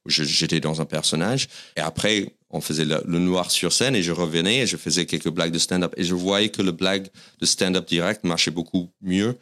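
A man with a notably low, deep voice and an American accent, speaking French as a guest in a podcast interview. He tells his stories with self-deprecating humor, in the way of a working stand-up comedian. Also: fairly quick, hardly any pauses, fairly bright tone. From United States. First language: English.

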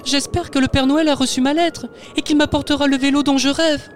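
A man voicing an eager little child in a storybook, with a raised, excited voice. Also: a little fast, a little hiss or hum. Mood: hopeful. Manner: excited, high-pitched.

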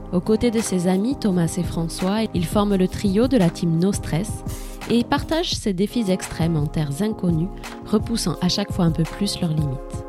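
A woman hosting a travel podcast, reading her introduction in a clear, measured way. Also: medium pitch. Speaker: podcast host. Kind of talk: scripted podcast introduction and interview.

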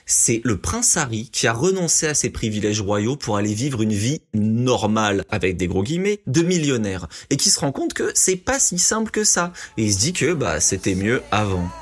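A man's voice: mid-range voice, very animated, normal speed, few pauses. A man hosting a comedic podcast, explaining things in an emphatic, mock-lecturing way. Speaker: podcast host.

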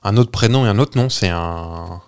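A man's voice: lowish voice, moderate pace, a little mellow, clean tone. Hesitant man teasing out clues. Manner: hesitant, many fillers, giving clues. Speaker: podcast co-host. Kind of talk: casual banter, quiz-style teasing.

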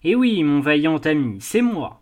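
A man voicing a courteous, smooth-talking prince in an audiobook, explaining things patiently and politely. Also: fairly high pitch, sing-song, unhurried. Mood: reassuring. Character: suave courteous male prince, smooth talker. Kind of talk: audiobook dialogue reading.

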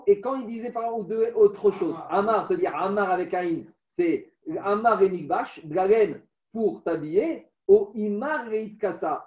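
A man teaching a text study class, chanting text passages aloud and then explaining them with little stories. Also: sits high. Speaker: religious teacher. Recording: roomy, distant, dull recording.

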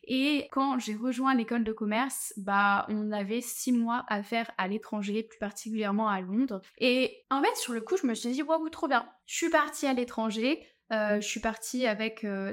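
A woman's voice: on the high side, moderate pace, few pauses. A young woman from France, giving casual travel advice as a vlogger, chatty with lots of fillers and restarts.

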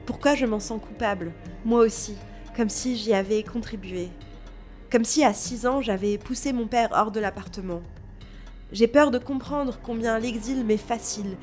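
A woman from Lebanon with a Parisian French accent reads a literary first-person narration in a measured, introspective manner. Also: mid-range voice. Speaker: narrator telling her own story.

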